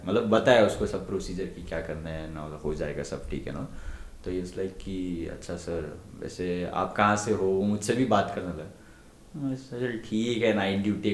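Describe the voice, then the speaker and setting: A low, darkish male voice with a little hiss or hum in the audio. The speaker, a medical intern in his twenties, is a podcast guest who tells stories in relaxed chat, performing the dialogue voices and laughing a lot, recorded in an echoey room.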